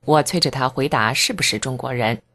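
A reader giving a scripted first-person narration in an even, measured voice, steady and earnest with fervent emphasis. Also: medium pitch.

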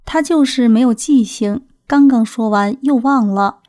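A woman's voice: fairly high pitch, a little slow, mellow, natural voice. A woman reading the lines of a worried elderly mother in a plain storytelling voice.

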